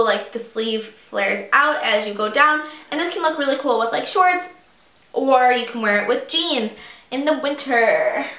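A woman's voice: fairly high pitch, pushed and bright, echoey room, slight background noise. A young woman in her teens chatting casually in a haul video, bubbly and self-teasing. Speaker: vlogger.

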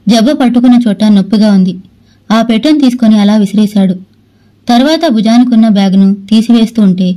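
Mellow-voiced woman reading a story. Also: mid-range voice, low-quality recording. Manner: steady expressive reading of a romance novel. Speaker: audiobook narrator. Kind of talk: storybook narration reading all parts.

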